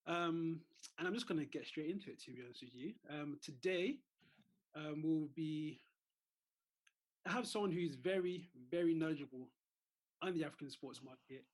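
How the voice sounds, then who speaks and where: A man's voice: fairly high pitch, moderate pace. A man hosting a sports business podcast from home, friendly and hesitant with many fillers. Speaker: podcast host. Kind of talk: casual podcast interview.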